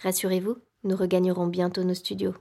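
A woman host giving a measured, inviting scripted podcast introduction. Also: lowish voice, monotone, husky. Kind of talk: scripted narration. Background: loud ambient music.

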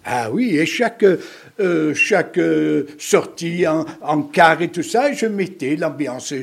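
Husky older man telling old stories. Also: on the high side, takes it slowly. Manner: lively, jovial storyteller. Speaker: longtime band member, guest. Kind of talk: casual reminiscing.

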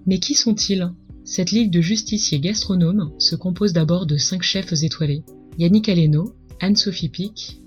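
A woman's voice: lowish voice, a little mellow, dull audio. A woman with a French accent narrating a scripted story as the host of a culinary podcast. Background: music.

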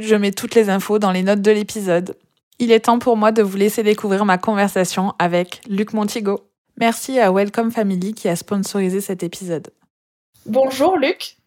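A woman's voice: mid-range voice, a little mellow. A French woman with a singsong southern accent, hosting a podcast, reading a scripted intro and then asking interview questions. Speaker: podcast host.

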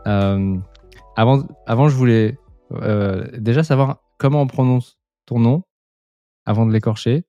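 A man's voice: medium pitch, unhurried, warm tone, no echo, lo-fi sound, faint music behind. A man hosting a podcast, reading a scripted intro and then asking questions hesitantly. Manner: hesitant, many fillers and restarts when asking. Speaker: podcast host.

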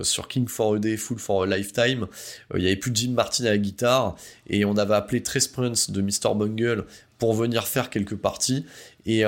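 Gravelly man chatting through a review. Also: on the low side. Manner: hesitant, many fillers and restarts; enthusiastic, informal slang. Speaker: music reviewer. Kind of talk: casual spoken album review.

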